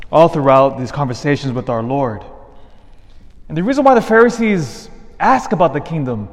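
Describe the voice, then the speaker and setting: Male clergyman, slightly high voice, cathedral echo, long church reverb, homily. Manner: measured liturgical reading, then a conversational homily with restarts. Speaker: clergyman at Mass. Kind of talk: Gospel reading and homily.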